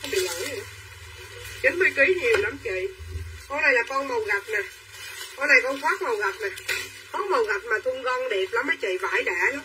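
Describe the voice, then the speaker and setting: Bright, pushy woman selling live. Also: fairly high pitch, expressive, far from the mic, a little hiss or hum, rough recording. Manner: quick and pushy, urging buyers to claim items. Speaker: livestream clothing seller. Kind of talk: live-selling chatter to viewers.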